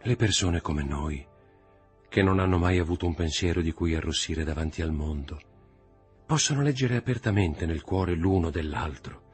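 A husky-voiced man playing an earnest young lover, speaking in a grave, intense way. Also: deep voice, normal speed, faint music behind. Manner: grave, earnest, slightly raised delivery.

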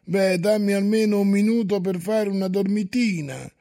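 A man's voice: sits high, mellow, pitched above the performer's own voice. A man doing a grumpy, sleepy nobleman. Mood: drowsy grumpy. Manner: drowsy, slow, irritable mumbling.

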